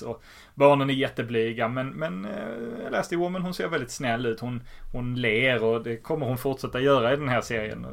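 A man in a casual podcast, animatedly walking through a comic book's plot with frequent laughs. His voice sits at a middling pitch, and his talk is loose and chatty, full of small restarts. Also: vocal fry. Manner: animated retelling, laughs often. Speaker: podcast host. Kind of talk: casual comic book recap.

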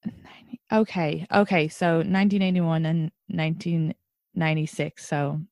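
A woman's voice: low voice, level tone, normal speed, creaky, a little mellow, no room sound, studio quality. A woman in her thirties hosting a podcast, chatting casually, candid and giggly, with some swearing. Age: 30s. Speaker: podcast host. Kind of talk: casual chat.

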